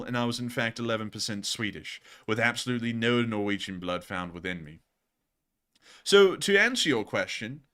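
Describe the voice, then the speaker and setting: An American man hosting a news channel's livestream puts on a British accent to answer viewers in wordy, emphatic, formal phrasing. His mid-range voice is clear, resonant and slightly bright, though it sounds fatigued.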